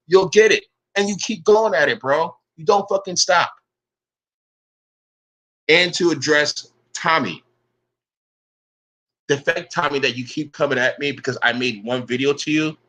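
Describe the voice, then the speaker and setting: In poor-quality audio, a man with a slightly high, sharp-toned voice delivers an angry vlog rant. This online commentator swears and picks fights, calling his rivals "bro" and insisting he talks the same way to everybody.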